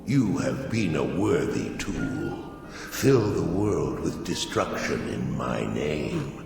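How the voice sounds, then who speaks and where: Mehrunes Dagon, a cavernous, extremely deep demon god. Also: male voice, very animated, gravelly, heavily acted. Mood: grandly pleased. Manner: slow, commanding, godlike pronouncements. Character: imperious, menacing male demon god of destruction. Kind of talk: video game voice acting. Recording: cavernous echo and long reverb, music behind.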